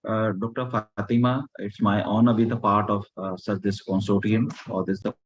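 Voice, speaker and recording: A man's voice: on the low side, fairly even intonation, brisk, reverberant. A man giving opening remarks as keynote speaker on a video call, his voice breaking up and cutting in and out. He talks hesitantly, with many filler sounds. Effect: voice breaking up and cutting in and out over a video call. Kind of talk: opening remarks on an online faculty workshop. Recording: dull lo-fi call audio with faint noise.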